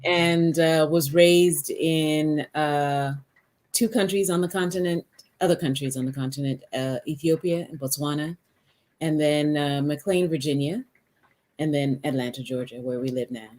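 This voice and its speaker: A woman artist originally from Kenya, answering interview questions on a video call in a measured, hesitant way. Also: low voice, fairly even intonation, darkish tone. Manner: measured, hesitant with many uhs. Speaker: artist guest.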